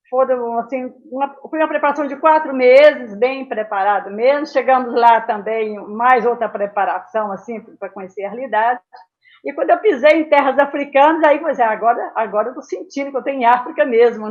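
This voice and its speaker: In a casual interview, a woman in her 70s recalls her memories at a moderate pace with a fairly high voice. Drifting from detail to detail, she often adds a small question to her phrases; the audio is rather dull and lo-fi.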